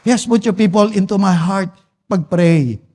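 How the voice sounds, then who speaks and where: A male pastor with a Filipino accent preaching a sermon in a church, swinging from soft to forceful emphasis. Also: sits high, unhurried. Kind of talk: Taglish sermon. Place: church sanctuary. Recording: long church-hall reverb.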